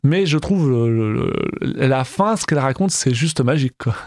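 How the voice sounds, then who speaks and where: A man co-hosting a casual film discussion, speaking haltingly as he searches for words. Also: medium pitch, lively intonation, darkish tone, no echo, clean studio sound. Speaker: film discussion podcast co-host. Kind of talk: casual film review chat.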